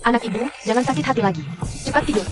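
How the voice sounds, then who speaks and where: An actress plays a doting middle-aged mother, all fussing and coaxing, in a dubbed short drama. Her voice sits fairly high, with faint music under it. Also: rapid-fire, natural voice. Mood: soft.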